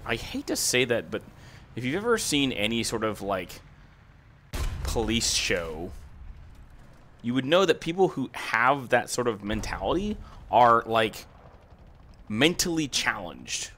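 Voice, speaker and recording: A man with a raspy voice giving casual, rambling video commentary, often hesitating and backtracking mid-sentence. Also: mid-range voice, sing-song, a little slow, long pauses, sharp tone, slight background noise. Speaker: gaming video host.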